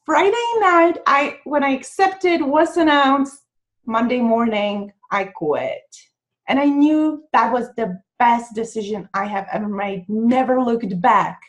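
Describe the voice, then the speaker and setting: A woman in her thirties from the Czech Republic with a Czech accent, coaching online business in an enthusiastic sales pitch to a webcam at home. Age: 30s. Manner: upbeat, emphatic, pitch jumping on key words.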